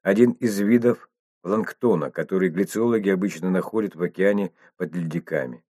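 A man reading an audiobook voicing a stubborn, sharp-tongued woman glaciologist who hisses her scorn. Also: deep voice, brisk, dry recording, clean studio sound. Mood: puzzled. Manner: hissing, scornful, insistent.

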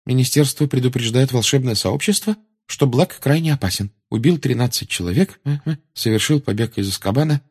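A man's voice: medium pitch, a little fast, hardly any pauses, a little mellow, breathy edge, voice pushed up, lightly acted. A man reading aloud and voicing a clever, anxious, bossy schoolgirl witch in a storybook reading.

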